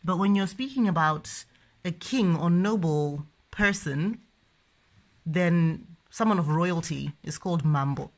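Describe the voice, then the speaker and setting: A woman's voice: lowish voice, unhurried. A young woman giving a playful children's language lesson as a mother, with encouraging, sing-song questions and repetition. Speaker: mother teaching her toddler.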